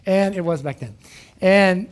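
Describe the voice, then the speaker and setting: A man speaks as a youth pastor. His voice sits a little high. He rambles through a casual sermon in an animated, self-deprecating way. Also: unhurried. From Oklahoma.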